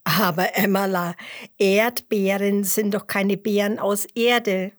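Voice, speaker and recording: A woman voicing a cheerful, self-assured young male hare in a children's story, speaking with lively confidence. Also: medium pitch, takes it slowly, dry recording, clean studio sound, natural voice. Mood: confident.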